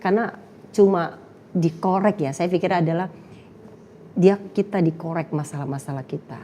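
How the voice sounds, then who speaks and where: A woman's voice: on the low side, a little mellow, a little hiss or hum. A young woman telling her story in casual chat, acting out quotes and laughing often. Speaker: guest sharing testimony.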